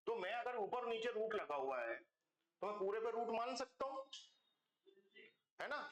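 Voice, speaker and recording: A man's voice: high-pitched, big pitch swings, unhurried, fairly bright tone, reverberant, dull audio. A man teaching a math class online, explaining step by step and checking in with his students again and again, calling them kids. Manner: calls students "beta" and "bachcho".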